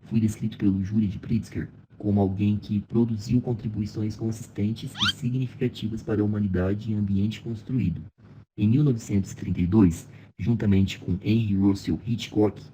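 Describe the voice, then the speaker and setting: A young Brazilian man speaking as a well-known American modernist architect, reading a scripted first-person biography in a measured, reflective way for a class project. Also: on the low side, dark tone, a little hiss or hum, close to an everyday voice, poor audio. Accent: Brazilian Portuguese. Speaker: architecture student.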